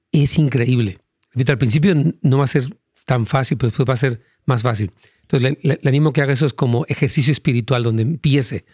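A man's voice: mid-range voice, a little mellow, no echo, studio quality. A man, a pastor, earnestly answering callers' Bible questions, rambling with many fillers.

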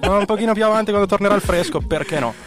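A man's voice: high-pitched, very fast, soft background music. A man co-hosting a casual podcast, joking, sarcastic and crude. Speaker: podcast co-host.

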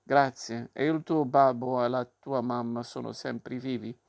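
A man reading aloud and voicing a gruff, rasping male puppet master who blusters and barks orders while sneezing. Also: mid-range voice, steady tone, a little slow. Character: gruff bearded male puppet master, bluff but soft-hearted. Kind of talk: audiobook reading.

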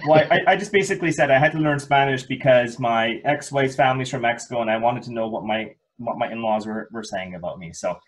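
Hosting a casual podcast interview, this man talks in an upbeat, chatty way, often restarting his sentences. His medium-pitched voice moves briskly with few pauses, though the audio is poor.

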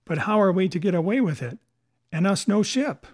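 Man voicing high, rowdy pirate mutineers. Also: lively intonation, fairly quick. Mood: excited, doubtful. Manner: exclaiming in rough sailor dialect.

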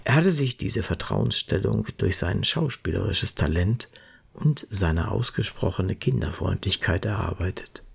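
A man narrating a story with steady, measured reading. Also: deep voice, creaky, slightly rough, lo-fi sound.

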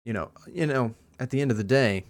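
A man's voice: mid-range voice, brisk. A man co-hosting a podcast in casual chat, rambling enthusiastically with lots of fillers. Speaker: podcast co-host.

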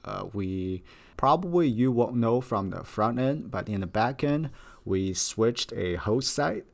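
This young adult podcast co-host, a grad student, sounds expressive and creaky at medium pitch, taking his time as he speaks. The casual conversation is thick with fillers and repeated words.

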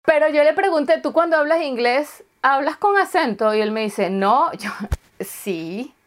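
A woman's voice: sits high, lively intonation, a little slow. A Venezuelan woman in casual chat, telling a story and acting out the dialogue. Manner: chatty storyteller, acts out dialogue.

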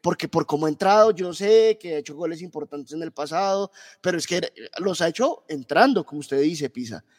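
A man breaks down a match in a halting, repetitive way. His voice is fairly high for a man. It carries a long, reverberant room echo. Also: lively intonation. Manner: halting, repeats words. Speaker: football pundit. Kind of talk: casual football analysis.

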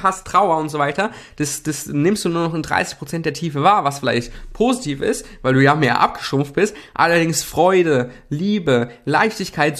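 A man's voice: fairly high pitch, fairly bright tone. A young man hosting a self-help video, explaining casually while he draws, with slang and many fillers. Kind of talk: casual explanatory talk while drawing slides.

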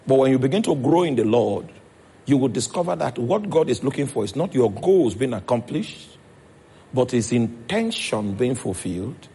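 Husky Nigerian preacher. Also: male voice, medium pitch, expressive, moderate pace, dark tone. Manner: preaching, checks in with the congregation. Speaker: pastor. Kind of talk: sermon.

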